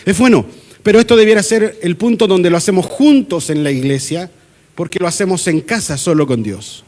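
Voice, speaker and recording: A Chilean man preaching to his congregation in a fairly high voice. He keeps it conversational, slipping into short acted-out exchanges and light jokes as a pastor. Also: a little fast, a little mellow. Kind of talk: sermon. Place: church.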